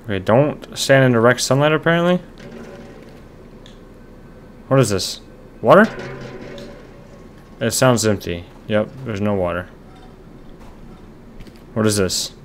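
A man's voice: on the low side, slow pace, pauses often, a little hiss or hum. Jumpy young man doing let's-play commentary. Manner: excitable and jumpy, slangy. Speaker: gamer. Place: at home.

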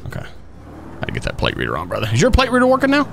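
Fast-talking, very animated man streaming. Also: high-pitched, vocal fry, noisy background. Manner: folksy, excitable, addresses chat and buddies. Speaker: streamer and police role-play host. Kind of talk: casual live stream chat while playing.

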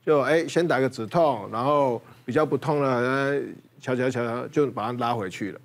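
A man who is an emergency doctor on a TV studio panel, telling a patient story in casual chat. He tells it briskly and chuckles through the punchlines. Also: medium pitch.

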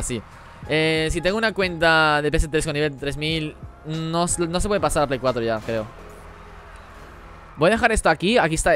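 A man, his voice sitting a little high, rattles through a live game stream. He answers chat messages in a quick, tumbling flow. Faint game music plays underneath. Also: a bit bright. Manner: rapid-fire talk while reading chat. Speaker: gaming streamer.

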